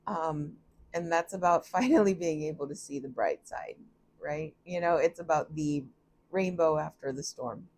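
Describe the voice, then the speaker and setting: A woman's voice: deep voice, normal speed, a little mellow, a little hiss or hum. A woman giving a casual, chatty tarot reading from a room at home, thinking aloud and often laughing at herself. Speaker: tarot reader.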